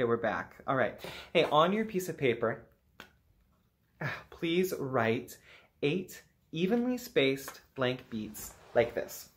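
A man teaching an online music lesson to children, playful and upbeat, singing rhythm syllables and sometimes whispering. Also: medium pitch.

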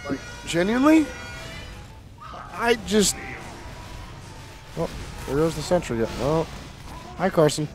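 A man chatting over voice chat while playing a game, loud, swearing and excitable. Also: on the high side, slow pace, long pauses, over music. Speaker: gamer streamer.

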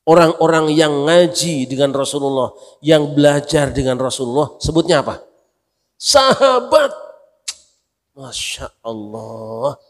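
A man preaching a mosque sermon as a kyai, telling stories lively and acting out the voices in them while joking with the congregation. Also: fairly high pitch, moderate pace. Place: mosque hall. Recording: long reverb of a mosque hall.

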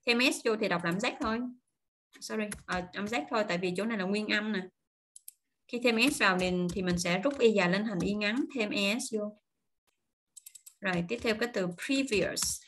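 A woman teaching English pronunciation online, drawing out model words slowly and then explaining in quick, chatty asides. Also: medium pitch, fairly bright tone, a little hiss or hum. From Vietnam.

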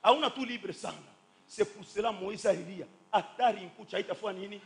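A man preaching a fervent sermon, shouting and stretching phrases as he calls on the congregation to repeat after him. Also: high voice, normal speed. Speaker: pastor. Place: church during a live service.

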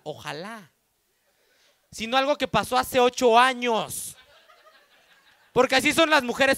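A man's voice: very high voice, bright, forceful tone, no echo. A man with a Mexican Spanish accent doing a stand-up comedy routine, telling crude, mocking stories with quoted dialogue on a comedy stage.

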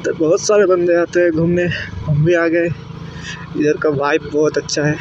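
A man's voice: on the high side, flat delivery, unhurried. A young man from India chatting casually while riding a motorbike through city streets, rambling with fillers. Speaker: motovlogger. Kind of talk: casual motorcycle vlog narration. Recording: muffled with loud road noise.

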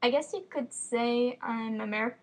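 Slight background noise accompanies this higher-pitched Florida teen, a fan vlogger with an American accent and a slight lisp, recording a casual webcam vlog at home. Her delivery is described as unhurried, yet quick, chatty and rambling with frequent fillers. She uses a built-in computer webcam mic indoors, among bookshelves.

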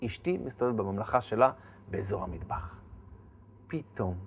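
A man, a rabbi, giving a humorous sermon, acting out scenes with laughter and shouted lines. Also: on the low side, expressive, a little hiss or hum.

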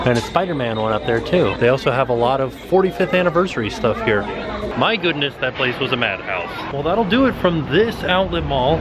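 A vlogger in his thirties browses a busy outlet store and its parking lot with a handheld camera, narrating casually and upbeat about prices. His voice is medium-pitched, with background noise throughout.

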